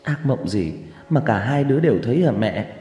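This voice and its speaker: A man reading a horror story aloud voices a frightened young girl who stammers and cries out shrilly, with a warm, lively delivery. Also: normal speed, roomy sound, big-room sound, soft background music, natural voice. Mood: pleading. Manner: stammering, shrill when scared. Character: frightened young village girl, older sister.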